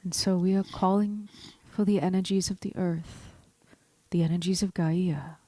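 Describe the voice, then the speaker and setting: A woman leading a guided meditation in a measured, soothing way, with breathy ends to her phrases. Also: on the low side, fairly even intonation, mellow, dry recording.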